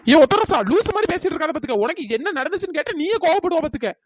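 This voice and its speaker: A voice actor voicing a fierce little village girl in a cartoon story, bossy and defiant, with a pitch-raised voice. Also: animated, racing, no echo, studio quality. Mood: threatening. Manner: defiant, bossy shouting at a bungalow.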